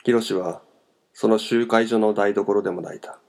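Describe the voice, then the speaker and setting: A man narrating a novel in a measured, even storytelling manner. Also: lowish voice. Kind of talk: novel reading.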